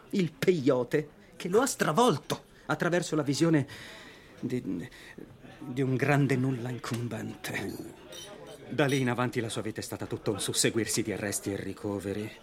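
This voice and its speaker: A man playing an eager, flustered newspaper reporter in a radio drama, wordy, fussy and excitable. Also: medium pitch, moderate pace, close to an everyday voice. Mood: earnest, explanatory. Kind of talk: scripted radio drama acting.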